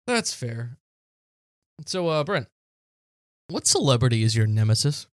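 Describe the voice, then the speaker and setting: A young man in his twenties, co-hosting a podcast, reacting with quick teasing remarks in casual chat. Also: medium pitch, big pitch swings, dry recording, clean studio sound. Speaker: podcast co-host.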